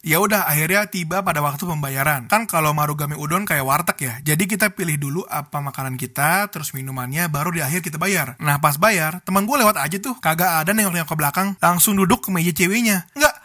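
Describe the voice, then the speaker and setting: A man's voice: a little high, fast talker, hardly any pauses, bright, forceful tone. A man with telling a comic personal story in an exasperated, grumbling way. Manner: exasperated, grumbling, swears for punchlines.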